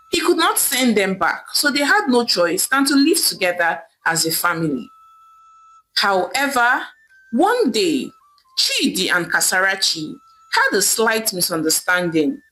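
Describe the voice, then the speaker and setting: In poor audio, a woman with a mid-range voice narrates a scripted folktale, her storytelling dramatic and expressive and punctuated by emphatic pauses.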